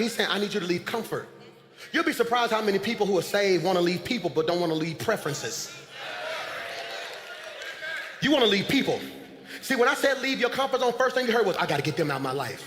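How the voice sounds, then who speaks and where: A man preaching a sermon as pastor, swinging between shouted calls and low confiding asides. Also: lively intonation, quick pace. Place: large church sanctuary. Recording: echoey church hall.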